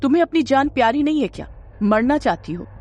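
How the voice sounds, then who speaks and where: A woman's voice: high-pitched, animated, brisk, a little mellow, pitched above the performer's own voice. A woman narrator voicing an angry young male bodyguard who scolds and threatens in a harsh, clipped way.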